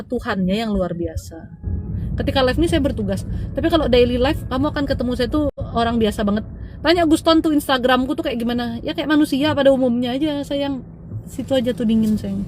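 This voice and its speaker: A woman with a Balinese Indonesian accent, hosting a live stream as a spiritual healer in a chatty, teasing way and calling viewers dear. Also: sits high. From Bali, Indonesia. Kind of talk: casual live-stream chat.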